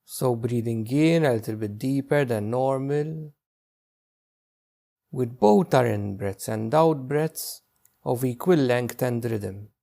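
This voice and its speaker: This guided meditation is led by a man whose mid-range voice has a creaky quality. As the teacher, he offers calm, leisurely instructions separated by lengthy pauses.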